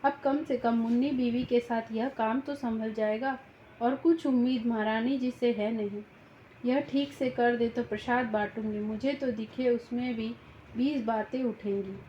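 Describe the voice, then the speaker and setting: A woman's voice: a little high, fairly even intonation, measured pace, warm tone, a little hiss or hum, natural voice. Woman reading as a chatty, scolding sister-in-law. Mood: lecturing. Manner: folksy, talkative, lecturing. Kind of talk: audiobook reading. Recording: roomy, slightly dull home recording.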